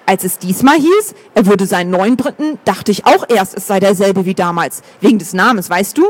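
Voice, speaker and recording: A gossiping woman with a mocking, crude edge, as a male narrator puts her on. The voice sits high, and the storybook reading keeps her close to the narrator's own sound. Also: expressive, normal speed. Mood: gossipy. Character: gossiping catty adult woman.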